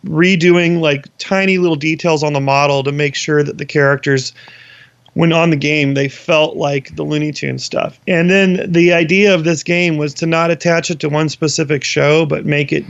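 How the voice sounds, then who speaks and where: A man's voice: a little high, fairly even intonation, normal speed, vocal fry, clear, resonant tone, dry recording, highs cut off. A man in his late thirties, an animation consultant, explaining at length in a casual interview. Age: 30s.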